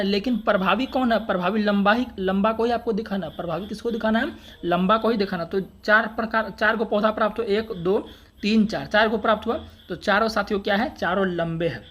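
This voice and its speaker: Man teaching, quizzing his listeners. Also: high-pitched. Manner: repeats questions and answers them himself; addresses viewers as friends and brother. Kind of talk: exam-prep science lecture.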